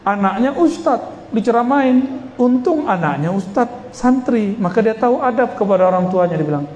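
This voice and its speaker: A man preaching to a live audience in a somewhat high voice, chatty and teasing, often putting questions to the crowd. His voice rings through a big echoey hall with a long reverb tail. A faint murmur of room sound stays underneath. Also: expressive, moderate pace, darkish tone, dull audio, a little hiss or hum. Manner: conversational, questions and jokes with the audience. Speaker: Islamic preacher. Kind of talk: religious lecture to a live audience.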